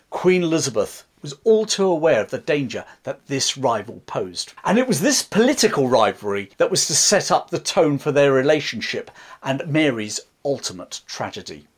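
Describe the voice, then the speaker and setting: A man narrating history as a channel host, dramatic storytelling broken up by chatty asides to the viewer. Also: a little high.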